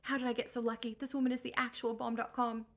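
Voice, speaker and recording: A woman's voice: a little high, fast talker, lightly acted. Woman playing a gushing scheming king. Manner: gushing, excitable valley-girl slang. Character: gleeful scheming disguised king, adult man.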